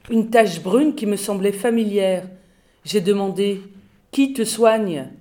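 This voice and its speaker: A woman reading a children's novel aloud in a calm, expressive storytelling voice. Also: medium pitch. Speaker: reader.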